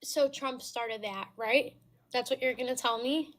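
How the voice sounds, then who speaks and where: In a casual debate, a caller in her twenties from the United States talks in a very high, slightly bright voice. Her speech is halting at first before growing insistent.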